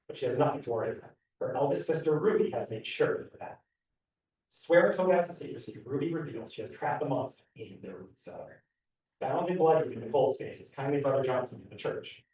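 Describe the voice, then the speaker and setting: Mellow-voiced man introducing a book. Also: mid-range voice. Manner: brisk introductory reading. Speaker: event host. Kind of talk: reading a book synopsis aloud. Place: library event room. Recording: very echoey room, voice far from mic.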